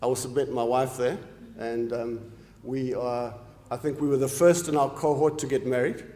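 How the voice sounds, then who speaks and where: A man's voice: mid-range voice, steady tone, normal speed, mellow. Man from zimbabwe, late 40s, academic lecture, earnest with ums and restarts, roomy echo, long hall reverb. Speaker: professor giving an inaugural lecture.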